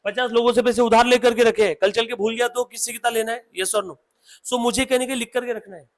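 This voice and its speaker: A man from India teaching accountancy to a class, with a high-pitched voice. He switches between Hindi and English, keeps checking "yes or no?" with his students, and slows right down when he dictates notes. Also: steady tone. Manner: mixes Hindi and English, asks students questions often. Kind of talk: classroom lecture.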